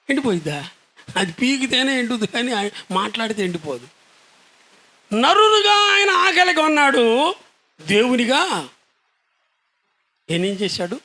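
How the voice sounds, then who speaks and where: Guy preaching to kids, keeps asking questions and answering them himself, gets loud and punchy, really high voice. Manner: rises to loud emphatic declarations. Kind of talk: sermon to children.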